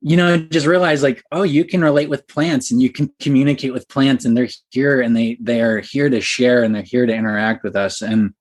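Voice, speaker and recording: A man in early adulthood speaks as a podcast guest. He tells his story with excited, animated energy and fills it with likes and ums. His voice sits in a middle range. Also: medium pitch, brisk, hardly any pauses. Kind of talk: casual storytelling.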